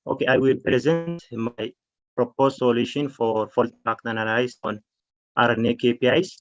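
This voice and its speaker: A man from Ethiopia giving a technical presentation of his solution, halting with fillers and restarts. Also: mid-range voice, steady tone, no echo. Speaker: challenge presenter. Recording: dull lo-fi call audio.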